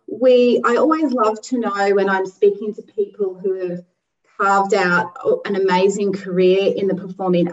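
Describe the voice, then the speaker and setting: A woman's voice: mid-range voice, distant mic, dull audio. A woman interviewing a guest, friendly and a bit hesitant with ums. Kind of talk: casual podcast interview.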